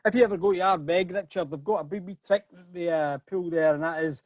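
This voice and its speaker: A man's voice: sits high, fast, no echo, studio quality. A middle-aged man hosting a whisky tasting over a video call, chatty and often repeating words as he starts a sentence. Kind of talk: casual online tasting talk.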